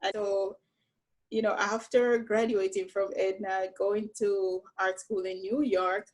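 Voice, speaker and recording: A woman from Jamaica, a painter telling her story in a relaxed, reflective conversation, often saying "you know". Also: mid-range voice, measured pace, rough recording. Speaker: painter, interview guest.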